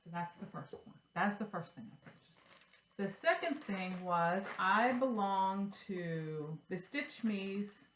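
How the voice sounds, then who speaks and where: A woman's voice: medium pitch, lively intonation, slow, fairly bright tone, slight background noise. A middle-aged woman vlogging about cross-stitch in a chatty, rambling way, repeating herself as she talks. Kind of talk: casual show-and-tell chat. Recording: roomy sound from a distance.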